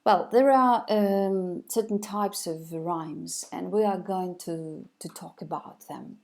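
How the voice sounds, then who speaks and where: A woman's voice: lowish voice, creaky, a little mellow. A woman giving a recorded video lecture, hesitant, with many fillers and restarts.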